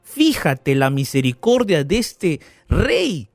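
A male pastor giving a radio sermon, retelling a parable with animated storytelling and asking the listener questions. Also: on the high side, takes it slowly, dry recording, clean studio sound, soft background music.

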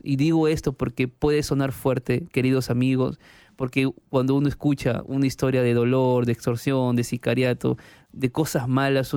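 A man speaking as a pastor, preaching and recounting a story with earnest emphasis. His voice is mellow and warm at a middle pitch. The recording is dry and close. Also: clear, resonant tone, dry recording. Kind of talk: preaching testimony.

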